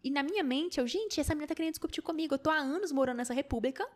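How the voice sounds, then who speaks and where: A young adult woman hosting a podcast, telling stories in a casual, animated monologue and acting out quotes. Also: racing. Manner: animated storytelling, acts out quotes with shrill high voice. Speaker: podcast host.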